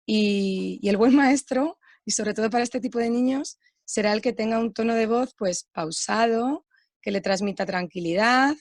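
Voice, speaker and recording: A woman, a teacher, making an earnest, measured comment during an online workshop. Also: a little high, a little mellow, no echo, clean studio sound.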